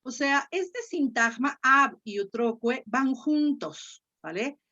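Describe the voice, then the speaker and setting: Mexican woman, a little high, patient teacher on a dull lo-fi call line, encourages and corrects gently. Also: slow. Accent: Mexican Spanish. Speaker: Latin teacher. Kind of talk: online class instruction. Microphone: video call. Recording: lo-fi video call audio.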